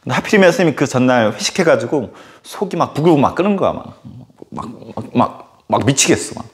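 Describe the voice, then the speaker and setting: A male history teacher tells a story casually during a lecture, animated and full of fillers. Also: mid-range voice, fast talker.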